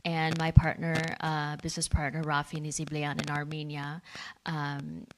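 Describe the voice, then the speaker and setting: A woman's voice: deep voice, completely flat delivery, moderate pace, background noise. A woman speaking at a podium, telling a personal story in a conversational, earnest way with frequent fillers. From United States. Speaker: guest speaker. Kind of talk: public talk at a podium. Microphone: handheld or lapel microphone.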